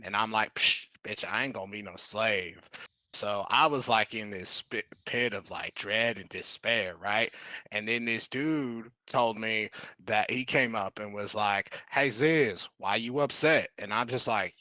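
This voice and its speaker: A man's voice: fairly low pitch, bright, forceful tone, dry recording. A man voicing a brash young male goblin sorcerer who talks in swaggering, profane street slang during a tabletop game. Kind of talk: tabletop role-play in character.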